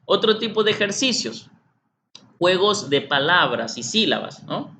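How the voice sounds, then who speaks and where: A man's voice: sits high, very animated, measured pace, bright, forceful tone. A middle-aged man presenting a workshop, often repeating himself and speaking directly to participants. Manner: repeats himself, addresses participants directly, acts out children's voices. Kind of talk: online workshop lecture. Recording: slightly muffled, faint background hum.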